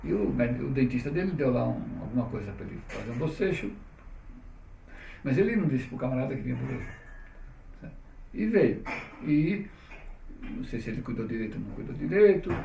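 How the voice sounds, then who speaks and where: This publisher, being interviewed, spins his stories casually, with lots of restarts and frequent "né?" tags. His medium-pitched voice swings widely in pitch and sounds mellow and brisk, with vocal fry and long pauses. The mic is far off in a roomy space, and a faint noise sits underneath.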